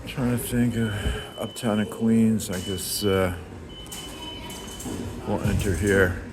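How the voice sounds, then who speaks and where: Male travel vlogger, low voice, slow halting casual delivery, noisy transit ambience. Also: fairly even intonation. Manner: hesitant, halting, thinking aloud. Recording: noisy subway and street ambience. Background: transit ambience, vehicle noise.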